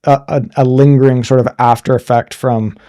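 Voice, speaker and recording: A man in his thirties with a mellow, warm voice, chatting as a podcast co-host. He talks frankly and a little crudely, jokes, and restarts his sentences as he thinks aloud. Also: medium pitch, level tone, a little fast, clean tone. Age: 30s. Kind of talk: casual chat.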